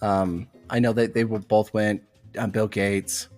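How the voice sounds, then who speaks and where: A man's voice: lowish voice, little pitch movement, measured pace, a little mellow, faint music behind. A man co-hosting a podcast in casual chat, rambling and stammering over his words. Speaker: podcast co-host.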